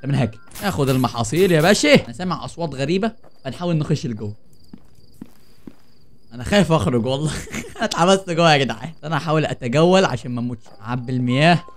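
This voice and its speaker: A gaming channel host, young and Egyptian-accented, gives horror game let's play commentary with lively intonation. His voice is a little high and his delivery rapid-fire. He jokes, gets startled easily, and keeps chatting with his viewers.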